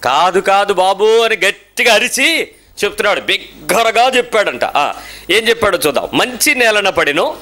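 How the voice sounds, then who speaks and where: High, bright-voiced male preacher. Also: moderate pace. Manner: animated, fires rhetorical questions at listeners; mixes English phrases into his speech. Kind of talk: sermon to a congregation.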